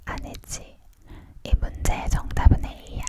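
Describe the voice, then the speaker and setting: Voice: takes it slowly, natural voice. A reader voicing a proud, chatty, furry big-pawed creature in a storybook, as whispered role-play, leaning in close. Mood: confident.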